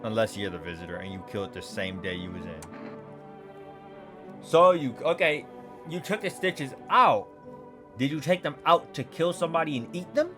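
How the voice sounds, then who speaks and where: A man's voice: mid-range voice, animated, normal speed. Man doing casual gameplay commentary over music. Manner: informal, slangy, thinking out loud. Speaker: gaming video host. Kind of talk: casual let's play commentary.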